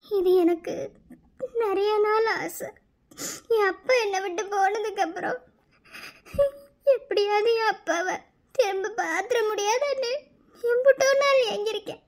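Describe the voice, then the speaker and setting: A woman doing a young cartoon woman with a Madurai Tamil accent and a very high, childlike voice. She pleads emotionally in rustic slang, tender and longing for her late father. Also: unhurried, long pauses. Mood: tearful. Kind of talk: cartoon voice acting.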